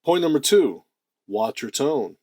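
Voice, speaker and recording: This self-improvement channel host has a deep male voice and gives a lively motivational talk, leaning on key words and slowing down to stretch phrases for effect. The recording is dry and close, with no surrounding room sound.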